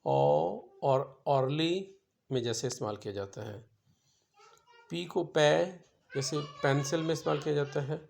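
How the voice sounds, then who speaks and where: A man's voice: fairly high pitch, vocal fry, noisy background. A man teaching a beginner language lesson, patiently spelling out each letter's sound one by one. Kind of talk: slow instructional explanation.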